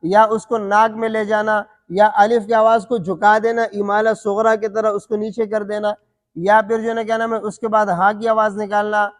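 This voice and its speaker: A man teaching Quran recitation rules, asking his students questions and answering them himself, and stretching out letter sounds to show them. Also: sits high. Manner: demonstrates letter sounds slowly. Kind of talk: tajweed lesson. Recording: long hall reverb.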